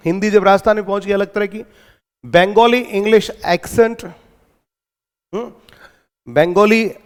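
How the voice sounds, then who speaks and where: Man, Indian accent, lecture, asks and answers his own questions, high voice. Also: big-room sound. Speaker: exam-prep English teacher. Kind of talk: lecture in Hindi mixed with English terms.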